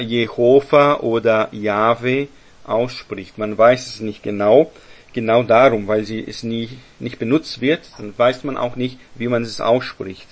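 Male Bible study leader, mid-pitched, unhurried delivery, explains patiently with frequent check-ins. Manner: explains step by step, often ending with "ne?". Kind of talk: Bible teaching to a group.

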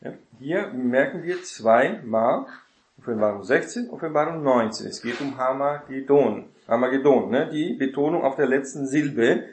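A man's voice: mid-range voice, lively intonation, normal speed, reverberant. Chatty man teaching a Bible study. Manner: chatty, often adds tag question "ne?". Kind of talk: casual Bible study lecture.

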